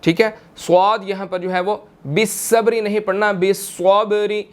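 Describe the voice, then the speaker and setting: Young pakistani urdu-accent guy teaching quran recitation, high smooth voice, slow and patient, repeats words over and over. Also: flat delivery. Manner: patient, repeats words slowly to model pronunciation; slow melodic Quran recitation between explanations. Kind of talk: tajweed lesson, explaining and demonstrating.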